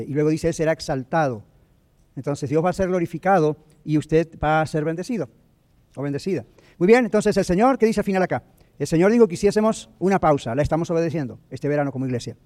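A middle-aged male pastor preaching a lively sermon, dropping in English phrases. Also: fairly high pitch.

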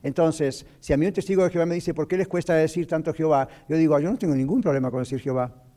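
Radio host, male, mellow and dark-toned, teaching scripture in an explanatory, preaching manner. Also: fairly high pitch, very fast. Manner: explanatory, preacherly, mixes English words. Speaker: radio show host, doctor. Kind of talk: radio talk on Bible teaching.

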